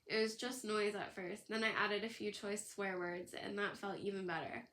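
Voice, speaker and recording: A woman narrating an audiobook in a steady storytelling read. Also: medium pitch, moderate pace, a little hiss or hum. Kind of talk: scripted narration.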